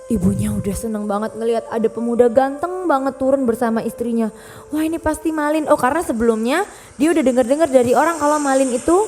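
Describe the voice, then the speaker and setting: A young mother reads a folk tale aloud to her child, keeping it animated and interactive. Her voice is high and bright, and she often stops to check in with the listener. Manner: animated, asks the child questions. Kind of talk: bedtime storytelling to a child.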